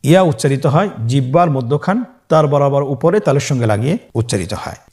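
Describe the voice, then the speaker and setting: A man with lively intonation and a darkish, medium-pitched voice teaches Quran reading. In his scripted step-by-step lesson on Arabic letters, each letter name is drawn out and sung for listeners to repeat.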